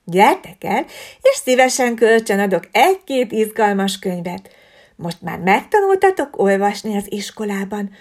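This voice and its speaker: A woman voicing a gentle, patient owl schoolteacher who explains things warmly. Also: medium pitch, very animated. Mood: kind.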